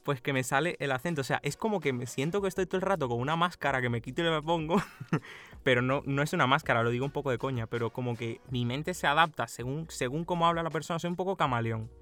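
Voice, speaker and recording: A young man with a Madrid accent and a Cuban touch chats as a podcast co-host. His voice sits at a mid pitch, and he laughs often and restarts his sentences. Faint music plays behind him. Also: fast talker, a bit bright. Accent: Madrid Spanish with a Cuban touch. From Cuba, raised partly in Spain. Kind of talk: casual chat.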